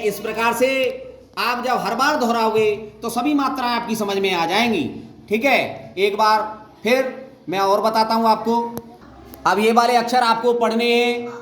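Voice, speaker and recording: A man teaching a Hindi reading lesson as a primary teacher. He repeats each sound, asks questions and answers them himself, and calls out the syllables loudly. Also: sits high, fairly even intonation, moderate pace. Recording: echoey room with faint noise.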